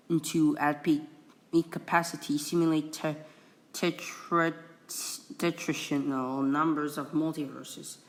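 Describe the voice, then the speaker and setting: In a laid-back screen-recorded explainer, a young man from Indonesia, an English-speaking video creator, reads from a wiki and trips over his words, with frequent restarts and apologies. The voice is a bit bright and on the high side.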